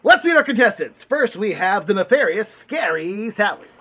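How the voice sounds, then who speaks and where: A man's voice: high-pitched, sing-song, moderate pace, pushed and bright. A man hosting a puppet comedy game show with a bombastic showman manner. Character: orange furry host puppet.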